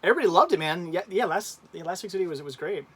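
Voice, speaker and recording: A man's voice: high voice, expressive, rapid-fire, bright, forceful tone, slightly rough. Laughing, rambling man in his thirties. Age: 30s. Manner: rambling, laughs often, many restarts. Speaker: livestream co-host. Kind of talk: casual chat.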